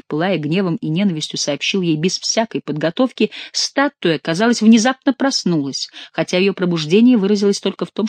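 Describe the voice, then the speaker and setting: An audiobook reader narrating a historical novel in a lively, expressive way. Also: mid-range voice, no echo. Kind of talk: scripted narration.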